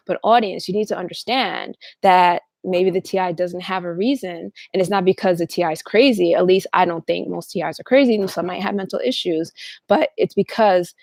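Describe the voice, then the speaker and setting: Gravelly-voiced woman in a rambling monologue. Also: on the low side, darkish tone, no echo. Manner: rambling, restarts often, acts out quoted voices. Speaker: channel host. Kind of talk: casual monologue to camera.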